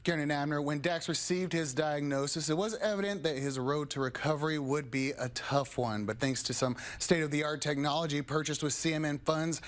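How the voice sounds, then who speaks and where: A man's voice: on the high side, steady tone, fairly quick, few pauses. A man working as a television news reporter, narrating a scripted feature story.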